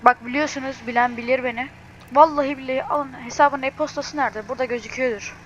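A young woman hosting a car game video, talking in a hurried, distraught way and swearing oaths as she goes. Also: high-pitched, fairly even intonation, dull audio, a little hiss or hum. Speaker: mobile car game channel host. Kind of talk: gaming screen-recording vlog.

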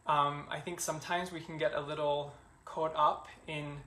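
A man teaching a yoga class, calling breath cues and explaining the flow in a relaxed, chatty way, a little out of breath. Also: on the high side, normal speed, reverberant.

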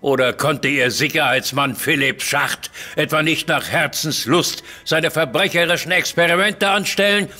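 A blustering army general who barks suspicions and accusations. His raised voice is tense and forceful and sits a little high for a man, carrying the drama of a radio play. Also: normal speed, hardly any pauses.

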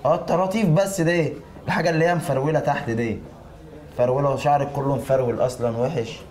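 A man with an Egyptian accent, posing as a hairdresser for a hidden-camera prank in a salon and calmly provoking his customer with deadpan insults. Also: mid-range voice, quick pace. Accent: Egyptian Arabic. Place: hair salon.

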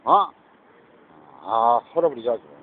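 A man's voice: medium pitch, lively intonation, unhurried. A man talking in a rambling, repetitive monologue, mixing Korean and English, recorded outdoors near a street. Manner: mixes Korean and English, repetitive, agitated asides. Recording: tinny phone-like audio with faint noise.

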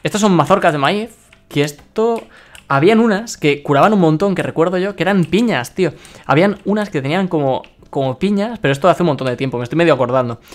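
A young man from Spain chatting excitedly while streaming a game and reading his chat aloud. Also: a little high, fast. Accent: Spain Spanish. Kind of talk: live-streamed gameplay commentary.

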